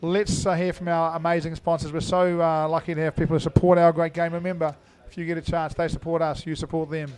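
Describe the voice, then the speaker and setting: A rather high-voiced man calling an indoor cricket match live. He talks in a loose, chatty way with plenty of fillers and sudden loud shout-outs to viewers. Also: little pitch movement, fast, hardly any pauses, smooth. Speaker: cricket commentator. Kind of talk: live sports commentary.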